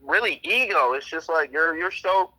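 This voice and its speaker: A man's voice: fairly high pitch, expressive, moderate pace, bright, forceful tone, rough recording. A young man talking casually and profanely over the phone as a trial witness, rambling and quoting what others said to him.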